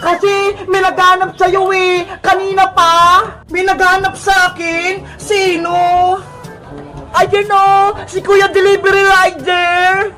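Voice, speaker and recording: A loud, bossy young girl, acted by a woman with a very high voice. She speaks slowly, over background music. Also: level tone. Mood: playful.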